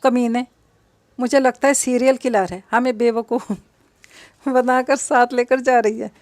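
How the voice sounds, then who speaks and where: Jittery young street men, voiced by a woman narrator, wary and muttering, slightly high, dry read. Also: fairly even intonation, a little slow, a little mellow, no echo, natural voice. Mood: nervous.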